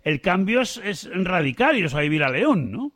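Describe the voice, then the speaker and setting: A man asks the questions in a casual, blunt way, with a very high-pitched voice for a man. He is recorded dry and close, with almost no room sound. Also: big pitch swings, moderate pace, a bit bright, dry recording. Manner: blunt, casual, swears freely. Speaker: interviewer. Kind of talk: casual interview chat.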